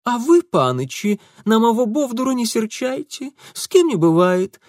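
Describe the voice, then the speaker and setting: A man voicing a sharp-tongued, plump red-haired shopkeeper's wife with a Ukrainian accent in an audiobook. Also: very high voice, moderate pace, dry recording, studio quality, pitched above the performer's own voice. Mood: flirty. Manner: sharp-tongued, then coquettish.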